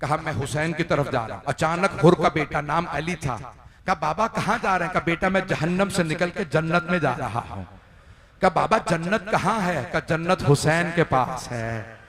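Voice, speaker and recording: A man preaching a mourning sermon, telling the story with passion, slowing down and rising to wailing peaks. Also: fairly high pitch, lively intonation, a bit bright. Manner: impassioned storytelling, slows and rises to wailing peaks. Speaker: preacher reciting a majlis. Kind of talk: Muharram majlis sermon. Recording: echoey hall.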